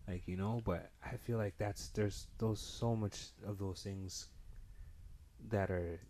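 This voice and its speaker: A man's voice: on the low side, fairly even intonation, slow, warm tone, a little hiss or hum. A young man hosting a casual chat, speaking in a hesitant, rambling way with heavy street slang. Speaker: podcast host.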